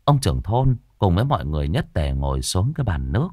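A man's voice: sits low, sing-song, fast, warm tone, no echo, clean studio sound. A man narrating a scripted ghost story in a dramatic, vivid way.

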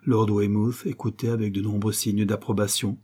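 A man reading a classic French novel aloud as an audiobook, in a measured narrating tone. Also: on the low side, level tone, warm tone, slightly rough. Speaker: audiobook reader.

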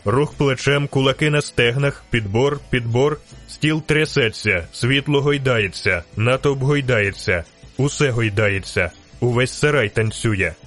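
A man narrates an audiobook with a steady, rhythmic storytelling delivery at a middle pitch. Soft music runs faintly beneath his reading. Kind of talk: scripted narration.

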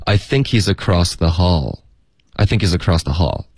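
Low-voiced male pronunciation teacher, dry close sound, breaks English phrases down slowly for radio learners. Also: animated, a little mellow, breathy edge, no room sound. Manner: explains in Mandarin and demonstrates English phrases slowly, syllable by syllable. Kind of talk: radio English lesson, co-hosted.

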